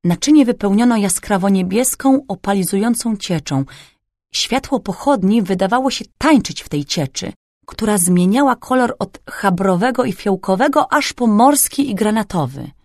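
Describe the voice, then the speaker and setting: A woman reading a fantasy audiobook in clear, even scripted narration. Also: medium pitch, moderate pace, no echo, clean studio sound.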